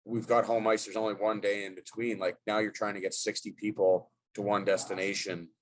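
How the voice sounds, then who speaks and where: A middle-aged hockey head coach answers press questions in a loose, rambling way, with many fillers and restarts. His voice sits on the low side, his delivery is flat and a little fast, and the recording is rough.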